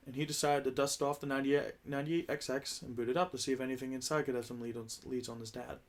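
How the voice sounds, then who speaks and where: A man reads a script aloud in a casual, joking read-through. His voice sits at an ordinary middle pitch, and he often stumbles and restarts his lines. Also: flat delivery, fast. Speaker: script reader.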